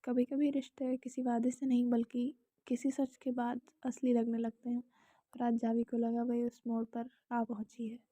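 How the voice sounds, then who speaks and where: A young woman with an Indian accent narrating a romantic story calmly, sometimes in a whisper, with casual asides to the listener, in a slightly dull, dry home recording. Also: a little high, moderate pace, dry recording.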